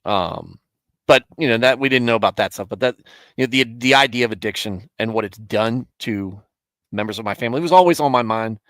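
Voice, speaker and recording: A man's voice: mid-range voice, a little fast, fairly bright tone, dry recording. A man in his thirties hosting a casual live stream, answering viewers in a rambling, self-correcting way and chuckling often. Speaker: streamer hosting a Bible show.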